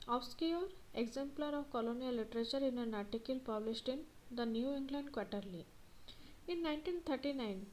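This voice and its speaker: A woman tutor reads through study notes and then repeats the main points in her own words. Her voice sits a little high. A faint hiss runs under the recording. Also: low-quality recording. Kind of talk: reading and explaining study notes.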